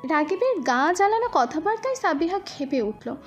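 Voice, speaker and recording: High-voiced woman reading a romance story. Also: big pitch swings, brisk, faint music behind. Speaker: voice artist, storyteller. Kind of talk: dramatic romance story narration.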